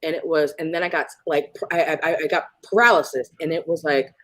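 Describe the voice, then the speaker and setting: In a casual podcast chat, a guest woman briskly relates her own ghostly experience, animated and dramatizing moments with sharp jumps in pitch. The recording is dry.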